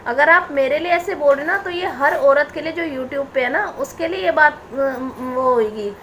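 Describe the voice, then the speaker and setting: A woman in her thirties, a family vlogger, rants straight to camera in a high voice at a moderate pace. Her tone is a bit bright, with a little hiss or hum on the recording, and she sounds indignant and defensive, repeating her points as she answers critics.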